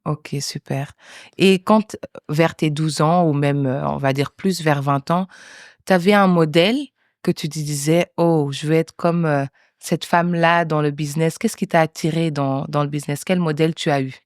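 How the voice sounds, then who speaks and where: A woman's voice: sits low, steady tone, moderate pace, no echo, studio quality. A woman hosting a podcast interview, asking casual questions and encouraging her guest with frequent short replies. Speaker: podcast host.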